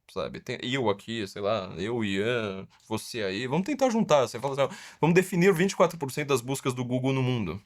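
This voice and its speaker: This podcast host is a Brazilian man in middle age who speaks at a medium pitch with a Brazilian Portuguese accent. His casual show is full of mocking, drawn-out words used for sarcastic emphasis.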